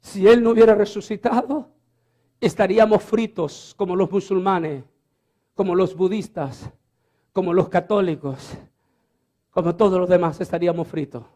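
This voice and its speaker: Man, very high voice, sermon, storytelling, stammers and repeats, rising to shouted preaching. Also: moderate pace. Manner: builds from low retelling to shouted high preaching.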